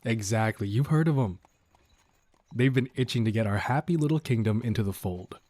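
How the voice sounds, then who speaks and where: In an audio roleplay, a man voices a cocky yet considerate bandit leader, addressing the listener in a casual, folksy manner with wry mock courtesy. His medium-pitched voice is expressive and a little mellow, at a moderate pace, sounding natural with no echo. The mood is wry and conspiratorial.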